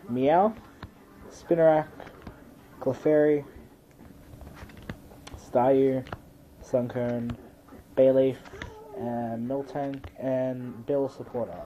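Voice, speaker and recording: Slow-paced man with a very dark, mellow voice. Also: medium pitch, fairly even intonation, lo-fi sound, a little hiss or hum. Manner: lists items one by one, matter-of-fact. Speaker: trading card pack-opening video host. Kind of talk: casual unscripted card-opening commentary. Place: bedroom, indoors.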